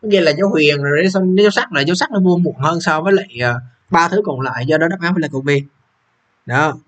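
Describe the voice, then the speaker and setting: A man's voice: fairly high pitch, fast talker. A young man, walking students through an English exam, repeating question numbers and checking they follow. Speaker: English teacher. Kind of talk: exam walkthrough lesson.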